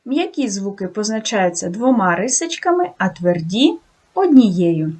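Slow, sing-song woman teaching small children. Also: medium pitch, very animated, a little mellow, breathy edge. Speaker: primary school teacher. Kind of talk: video lesson for second graders.

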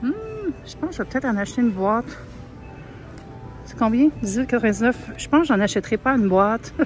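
A woman's voice: fairly high pitch, fairly quick, low-quality recording. Young Québécois woman, casual vlogger, chatty shop-with-me talk on a phone mic, faint store music. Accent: Québécois French. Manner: chatty, lots of fillers, soft asides. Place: large grocery store, indoors. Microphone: handheld phone camera.

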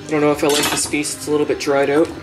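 A man's voice: on the high side, completely flat delivery, rapid-fire. A young man chatting casually while cooking in his home kitchen, rambling with lots of fillers and the odd swear word. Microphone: handheld camera mic. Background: music playing in the kitchen.

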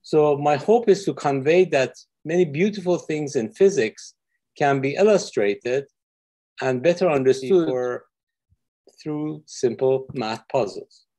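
This Iranian man's voice sits a little high, unhurried and mellow, as he gives an online physics lecture over a video call. He's friendly and explanatory, with frequent fillers, speaking from an office with windows.

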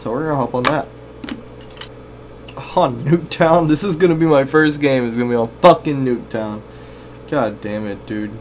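A man's voice: mid-range voice, moderate pace, pauses often, noisy background. A young man doing casual gameplay commentary in a sweary, slangy, complaining way. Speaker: gaming video host.

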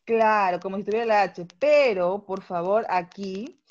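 Slow, patient Peruvian woman teacher. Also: medium pitch, darkish tone, muffled recording. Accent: Peruvian Spanish. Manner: patient, explanatory, checks understanding with tag questions. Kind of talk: online class lecture.

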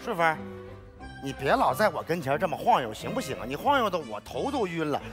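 An actor playing a bossy older brother-in-law in a sitcom, scolding and lecturing. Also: male voice, on the high side, big pitch swings, fairly quick, music in the background. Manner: scolding, lecturing comic delivery. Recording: loud studio audience laughter and noise.

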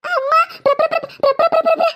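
A woman's voice: extremely high pitch, steady tone, fast talker, no echo, highs cut off. Woman voicing a panicky frightened cartoon girl. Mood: panicked. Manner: panicky, stammering cries for her mother. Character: frightened young girl, older sister. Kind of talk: cartoon voice acting.

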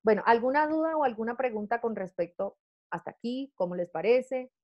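A woman, a sales director coaching consultants in an online training talk, lively and chatty, checking in with "¿verdad?" and "¿sí?". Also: on the high side, fairly quick, highs cut off.

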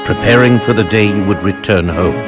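A man with an English accent playing a composed, courteous gentleman professor in an animated game. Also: on the low side, natural voice. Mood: firm, explaining. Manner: measured, courteous, earnest. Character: composed, gentlemanly adult male professor and detective. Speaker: voice actor. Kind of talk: animated game cutscene acting. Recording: loud orchestral music behind.

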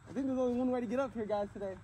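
A man's voice: extremely high pitch, steady tone, racing. A man on a snowy mountain hike, calling out directions and advice to his friends as they climb. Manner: calls out directions to the others. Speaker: hiking friend. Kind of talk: casual chat while hiking. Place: snowy rocky mountain trail outdoors. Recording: distant voice with outdoor noise.

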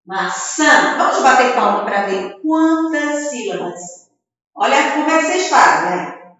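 A woman teaching a remote first-grade reading lesson to young children, sounding out words slowly, syllable by syllable, in a drawn-out sing-song way, recorded from a distant camera mic in an echoey room. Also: high voice, lively intonation, fairly bright tone, lo-fi sound. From Brazil.

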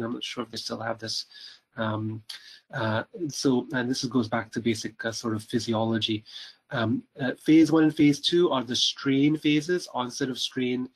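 A man's voice: mid-range voice, rough recording. A middle-aged man from Canada giving a cardiology rounds lecture, speaking hesitantly with many ums, uhs and repeated words.

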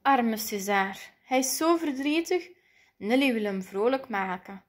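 Higher-voiced woman reading a picture book. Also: a little slow. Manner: lively, playful voices for the characters. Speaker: storybook reader. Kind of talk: expressive children's picture book read-aloud.

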